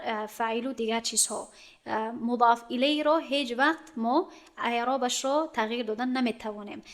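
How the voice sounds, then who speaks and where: Woman, teacher explaining grammar rules patiently, checks in with students, somewhat high voice. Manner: explains step by step, checks understanding with questions. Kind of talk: classroom grammar lesson.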